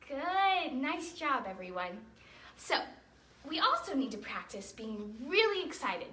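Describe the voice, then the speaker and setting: Teaching ballet to young children, a woman speaks in a high, unhurried voice, animated and encouraging. She keeps explanations simple and checks in with questions, and the sound is roomy with echo, a distant mic, and faint noise.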